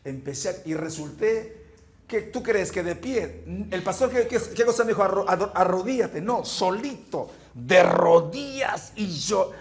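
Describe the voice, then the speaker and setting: A male pastor preaching a fervent sermon, moving from hushed storytelling to shouted points and often repeating words. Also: high voice, big pitch swings, a little slow. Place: church.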